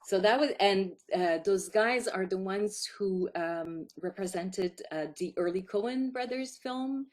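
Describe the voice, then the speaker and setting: A filmmaker in her fifties from Quebec, Canada, a native French speaker with a Quebec French accent, chats through anecdotes in a casual interview. Her mid-range, darkish voice flows unhurriedly with hardly any pauses.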